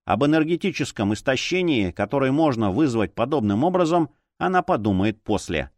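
A male narrator reading a fantasy audiobook in an expressive storytelling way. His mid-pitched voice moves through a lively melodic range, recorded dry and close to the mic. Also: fairly quick, no room sound.

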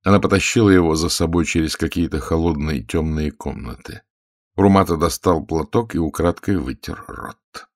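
A man reading an audiobook in a measured, even manner. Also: extremely low pitch, dry recording, clean studio sound. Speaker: audiobook reader. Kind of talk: audiobook narration.

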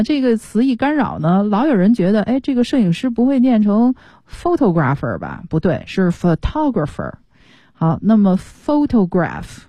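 A woman's voice: mid-range voice, mellow, no room sound. Patient woman teaching English on radio. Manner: patient, explains pronunciation step by step.

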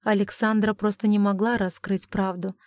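A woman reading a romance novel aloud as an audiobook narrator, measured and even. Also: medium pitch, dry recording, clean studio sound.

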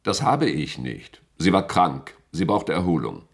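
The middle-aged security chief in a German radio play is voiced by an actor in a full character voice that sits low with a sing-song lilt. Authoritative, polite, and guarded, he speaks formal, deliberate officialese in a guarded, insistent mood.

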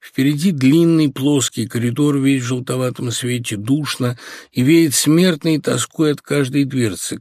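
A man reading a classic novel aloud as a literary audiobook narrator in a recording studio, measured and unhurried. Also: mid-range voice, darkish tone, no echo. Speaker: audiobook reader.

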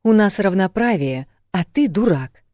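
Audiobook: man doing a high, fiery young woman, indignant and pleading, close dry read. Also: moderate pace, a little mellow, no echo, lightly acted. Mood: scolding. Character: spirited young woman, quick-tempered and loving. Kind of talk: audiobook reading.

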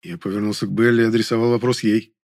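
A man narrating an audiobook in a calm, even storytelling manner. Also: lowish voice, fast talker.

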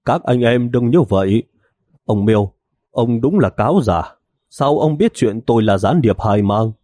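A man's voice: medium pitch, lively intonation, unhurried, dark tone, no room sound. A man voicing a sheepish male double agent who pleads his case in a raised tone.

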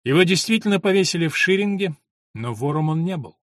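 A man's voice: on the high side, expressive, fast talker, no echo, studio quality, voice pushed up. A man voicing Ellen, a strong but tired mother who speaks with weary irritation and cries out in grief. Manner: tired, irritated, breaking into shouts.

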